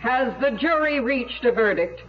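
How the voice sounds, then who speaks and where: A woman's voice: high-pitched, animated, moderate pace. A woman acting a formal, courteous judge in a radio drama, on a dull old recording. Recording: dull radio sound, faint noise.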